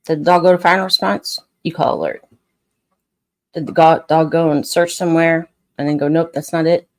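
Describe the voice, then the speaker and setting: A woman's voice: low-pitched, steady tone, brisk, dry recording. A woman dog trainer in casual, unscripted talk, blunt and frustrated, rambling with frequent restarts. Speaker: scent work dog trainer.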